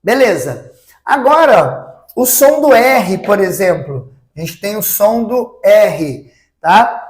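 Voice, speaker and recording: A slow, patient Spanish teacher gives a recorded online language lesson in an echoey room, his voice high and sing-song. He repeats each example word slowly and tags his lines with "tá?", leaning into a close mic for the examples.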